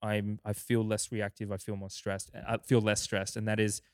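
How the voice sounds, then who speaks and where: A man's voice: on the low side, little pitch movement, moderate pace, clear, resonant tone. A young adult man co-hosting a podcast, talking casually with many restarts and fillers. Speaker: podcast co-host. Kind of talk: casual chat.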